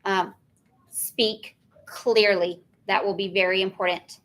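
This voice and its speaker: A woman's voice: medium pitch, fairly even intonation, slow pace, a bit bright, poor audio. A woman running a school spelling bee, giving firm, step-by-step instructions to students. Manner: firm, instructive, repeats rules. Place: school event room.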